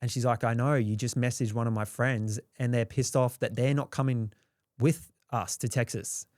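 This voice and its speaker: A man's voice: medium pitch, fairly even intonation, moderate pace, darkish tone, no room sound, studio quality. A young Australian man telling his story in a candid, rambling way, swearing freely and acting out quotes. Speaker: guest.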